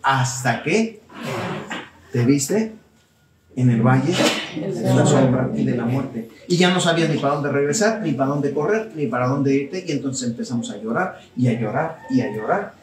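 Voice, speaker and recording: Before an audience that's present in an echoey room, a Torah study teacher preaches, prompting people to respond and repeating phrases to drive points home. His mid-range voice is expressive at a moderate pace, heard from a distant mic in a very noisy recording.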